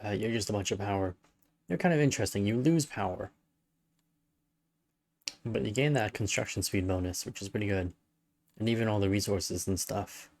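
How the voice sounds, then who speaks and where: A man's voice: lowish voice, normal speed, long pauses, darkish tone. A man giving casual live-stream commentary while playing a strategy game, musing and thinking aloud. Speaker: gaming streamer.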